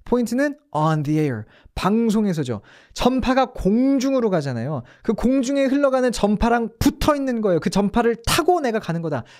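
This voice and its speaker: Man, English teacher, online lesson, high voice, rhetorical questions, step-by-step explaining. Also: sing-song, normal speed, hardly any pauses, darkish tone. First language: Korean.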